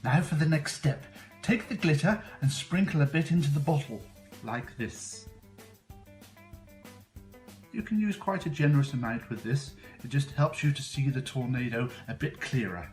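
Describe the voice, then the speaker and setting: A man's voice: mid-range voice, expressive, normal speed, a little mellow. A man presenting a children's craft demonstration, explaining it step by step. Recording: echoey room with music.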